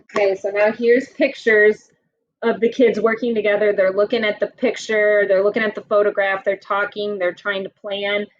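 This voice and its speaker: In this lo-fi recording, a woman teacher with a mid-range voice and flat delivery reads a story aloud to children. She proceeds slowly and patiently, breaking off to ask the class questions.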